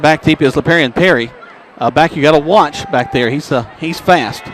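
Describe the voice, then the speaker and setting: A man calling a high school football game play by play for radio, in brisk descriptive calls. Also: fairly bright tone. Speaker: play-by-play announcer. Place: high school football stadium press box. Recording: crowd noise at stadium.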